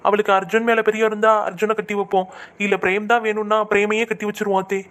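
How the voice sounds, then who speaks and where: A woman voicing a calm young female relative in a cartoon, soothing and pleading to stop a fight. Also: medium pitch, quick pace, natural voice. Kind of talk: comic cartoon voice acting.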